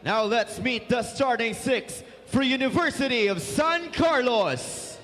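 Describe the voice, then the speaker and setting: Male arena PA announcer, very high and lively, slow delivery, long hall reverb, faint music. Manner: slow, drawn-out announcing of names. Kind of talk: player introductions over the arena PA. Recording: long reverb of a big coliseum.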